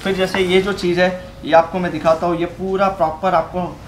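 A young man whose voice sits slightly high walks through saree fabrics and their work in a product demonstration. His sales pitch is steady, broken by pauses on filler words. The indoor fabric showroom adds room echo over a faint background hum.

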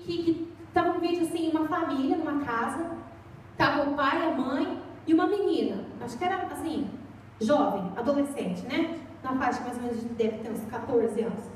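A woman's voice: high-pitched, darkish tone, a little hiss or hum. A young Brazilian woman preaching a sermon in a church, chatty and storytelling, recorded from far off in an echoey hall. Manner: chatty storytelling, acts out voices.

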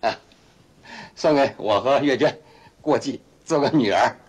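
A man's voice: medium pitch, a little slow, husky. An actor playing a good-natured husband who rambles, hesitates and fills his talk with fillers. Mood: hesitant asking. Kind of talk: 1990s TV drama acting.

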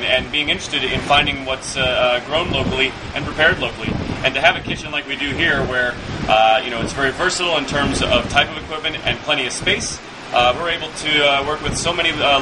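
A man in his thirties, a restaurant chef, giving a walkthrough interview with frequent uh pauses. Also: fairly high pitch. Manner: hesitant, many filler uhs. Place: restaurant wine cellar and dining rooms, indoors. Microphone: camera mic, handheld camera close by. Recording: echoey room, noisy background hum.

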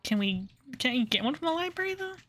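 A woman's voice: high-pitched, sing-song, fast talker, a bit bright, dry recording. A woman giving casual, playful, giggly commentary while livestreaming a game. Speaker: game streamer.

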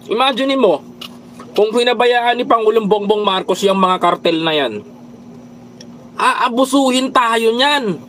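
A Filipino man with a high-pitched voice hosts a casual political commentary livestream, reading viewer comments aloud. He lectures his audience as brothers and countrymen, slipping English phrases in among his words. Faint vehicle noise hums behind him. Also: animated, measured pace, pauses often, fairly bright tone, low-quality recording. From Philippines. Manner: preachy, repeatedly addresses viewers as brothers and countrymen.

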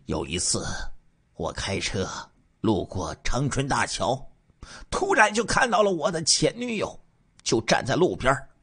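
Husky guy doing first-person crime storytelling, super expressive pitch, hushed then loud. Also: measured pace. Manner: emotional, swings from hushed to loud.

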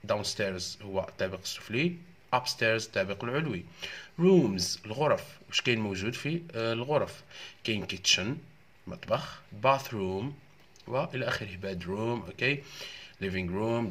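Husky Algerian teacher explaining English. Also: male voice, on the low side, expressive, a bit bright. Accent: Algerian Arabic. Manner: slow drilled English words, quick Arabic explanations. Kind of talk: exam walkthrough lesson.

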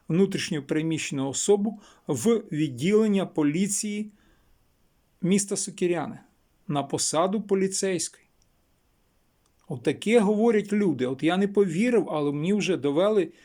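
Man from western Ukraine, local vlogger, higher voice, insistent and repetitive. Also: darkish tone. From Chernivtsi region, Ukraine. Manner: insistent, repeats and stresses phrases. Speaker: local video blogger. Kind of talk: emphatic local news vlog.

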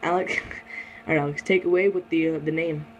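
A teenage boy hosting a casual question-and-answer chat, keeping things moving in a hurried way. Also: a little high, steady tone, very noisy. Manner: hurried, steering the talk along. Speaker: channel host.

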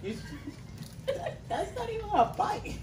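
A woman's voice: very high voice, sing-song, moderate pace, a little mellow. A young woman giggling and teasing her friends during a snack tasting. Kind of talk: casual group snack tasting. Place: small room at a table, indoors. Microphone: far camera. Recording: echoey room from far off, noisy.

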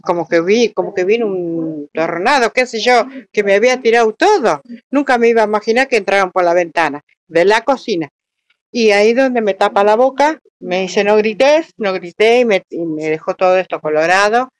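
A Uruguayan woman in her sixties, a robbery victim, gives halting interview testimony about what happened to her in a Rioplatense Spanish accent. Her mid-range voice is full of restarts and fillers.

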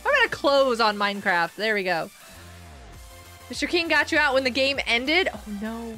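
This middle-aged streamer's fairly high voice has a sing-song lilt, a pushed, bright quality, and a moderate pace. Over soft background music, she greets viewers by name, laughs, and chats through her headset mic as she plays. Off stream, she homeschools.

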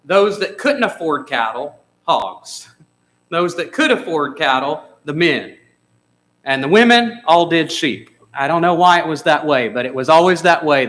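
Man preaching in a church, bright voice, conversational, asks the congregation questions. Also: fairly high pitch, poor audio. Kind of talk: sermon. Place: church sanctuary.

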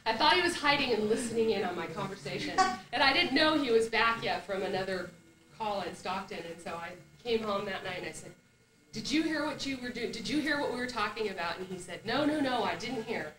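A woman's voice: fairly high pitch, lively intonation, brisk. A woman hosting a party and giving a rambling, chatty toast, recorded on an old VHS home-video tape. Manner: rambling, chatty storytelling with restarts. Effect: old VHS home-video tape sound. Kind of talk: casual party talk and toast. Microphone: camcorder microphone. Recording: old VHS camcorder, echoey room, far off mic. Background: loud party crowd.

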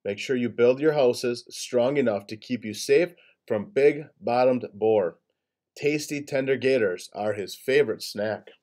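A man voicing a caring mother gator who gives gentle warnings in a storybook reading. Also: medium pitch, measured pace, lightly acted.

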